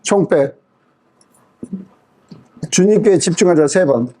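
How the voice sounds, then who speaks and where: A man's voice: high-pitched, slow. A male pastor preaching a sermon at a church revival meeting, telling a personal story and acting out what each person in it said. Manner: lively storytelling that acts out quoted speech.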